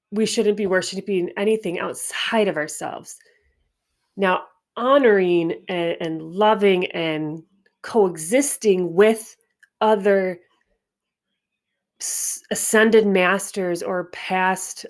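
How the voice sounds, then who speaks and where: The host of this spiritual wellness podcast is a woman whose nose sounds blocked. She speaks at a calm, reflective pace with many restarts, in a voice pitched around the middle.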